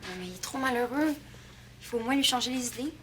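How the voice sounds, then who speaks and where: A young woman with a Quebec French accent playing an eager teenage girl who pushes and gets excited easily. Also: fairly high pitch, fast talker, noisy background, close to an everyday voice. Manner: excited, pushy.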